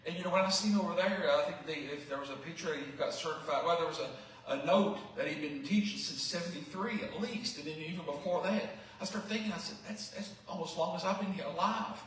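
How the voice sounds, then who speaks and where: A man's voice: on the high side, fast, few pauses, a bit bright, slight background noise. A man in his fifties giving a rambling, anecdotal memorial speech. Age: 50s. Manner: rambling, anecdotal, with many fillers. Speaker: eulogy speaker. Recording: echoey hall, mic far off.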